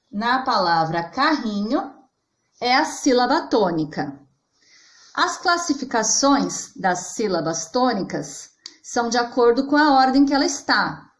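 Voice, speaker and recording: A woman with a Brazilian Portuguese accent teaches a children's lesson in a slow, patient way. Her pitch moves a lot as she leans into the stressed syllable of each example word. The room around her gives back a clear echo. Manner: patient, stretches and stresses example words aloud.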